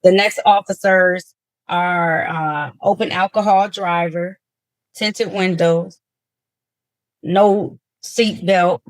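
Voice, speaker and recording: A judge presiding over a hearing, heard on a courtroom recording with a dry, close sound and no room echo. The delivery is formal and procedural, often pausing on an um. The pitch sits at a middle level. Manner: formal and procedural with frequent ums.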